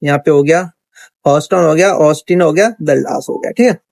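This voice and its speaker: A man's voice: fairly high pitch, brisk, creaky, darkish tone, dry recording. A man teaching a coding lesson over his screen, chatty and thinking aloud, checking in with the viewer often. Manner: chatty, thinks aloud, frequent "theek hai" check-ins. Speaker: coding instructor. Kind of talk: casual screen-recorded coding tutorial.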